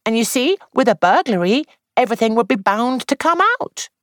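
A woman's voice: a little high, animated, a little fast, no room sound, studio quality, pitched above the performer's own voice, natural voice. A woman reading aloud and voicing a young actress who sounds anxious, dramatic and confiding. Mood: scheming.

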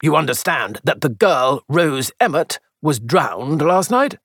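A reader voicing a methodical police inspector, asking formal, measured questions. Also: mid-range voice, lively intonation, fairly bright tone, no echo, clean studio sound. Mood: probing.

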